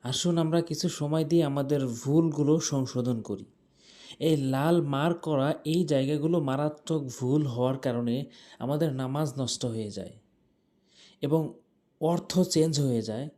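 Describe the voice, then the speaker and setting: A man teaching correct Quran recitation, explaining pronunciation and then reciting the examples slowly and melodically. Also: on the high side, warm tone. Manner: drawn-out melodic recitation between plain explanations. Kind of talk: tajweed lesson with slow recited examples.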